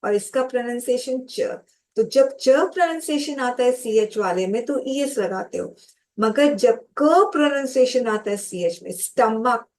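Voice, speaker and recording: Woman, grammar teacher, fairly high voice, slow and patient, poses questions and answers them herself. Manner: addresses viewers as students. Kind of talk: classroom grammar lesson.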